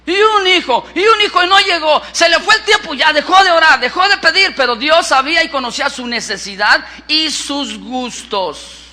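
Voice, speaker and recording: A man with a Mexican accent, a pastor preaching a lively sermon and questioning his congregation. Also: extremely high pitch, normal speed. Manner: lively, acts out scripture, asks the congregation questions.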